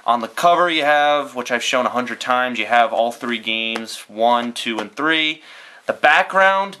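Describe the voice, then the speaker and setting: Young guy unboxing in his bedroom, sharp bright tone, swears a lot, bit of hiss. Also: medium pitch. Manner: rambling, swears casually, thinks aloud. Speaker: YouTuber doing an unboxing. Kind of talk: casual unboxing commentary.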